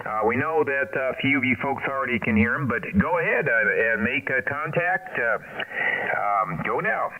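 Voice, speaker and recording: Male ham net controller, halting check-in calls, distant narrow two-way radio sound with static. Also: mid-range voice, expressive. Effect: voice over two-way radio with static.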